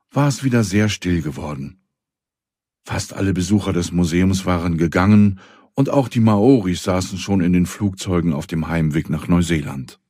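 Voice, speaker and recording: A man reading a children's story in a calm voice and addressing the listener directly. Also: low voice, dry recording, studio quality. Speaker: narrator.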